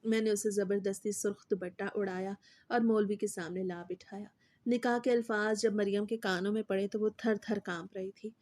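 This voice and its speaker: Mellow-voiced woman narrating a story. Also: mid-range voice, fairly even intonation. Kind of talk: scripted narration.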